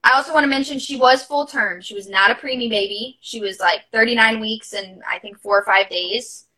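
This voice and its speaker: Bright chatty young woman. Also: on the high side, fairly quick, low-quality recording. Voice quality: chatty, many fillers and asides. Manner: open and heartfelt, laughs while talking. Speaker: podcast guest, new mother. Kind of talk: casual interview storytelling.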